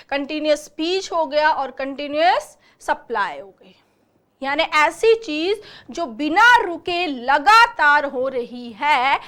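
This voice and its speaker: Woman vocabulary teacher, high voice, slow, repeats synonyms, checks understanding. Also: a bit bright. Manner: explains slowly, repeating synonyms and checking with "clear?". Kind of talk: exam-prep vocabulary lesson.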